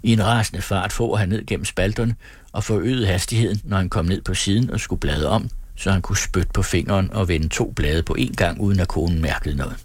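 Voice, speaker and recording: A man narrating a story in a steady, measured audiobook reading. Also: sits low, no echo.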